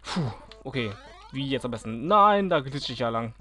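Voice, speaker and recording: A man's voice: mid-range voice, lively intonation, normal speed, bright, forceful tone, faint music behind. A man giving casual let's play commentary, grumbling at and cheering on the game, talking to enemies.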